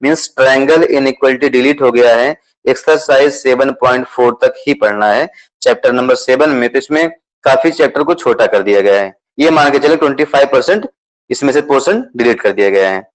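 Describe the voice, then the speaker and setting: Hindi-speaking math teacher, repeating points. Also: male voice, medium pitch, fairly quick, rough recording. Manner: repetitive, checks understanding with questions; mixes English terms into Hindi explanation. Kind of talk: explaining a syllabus to students.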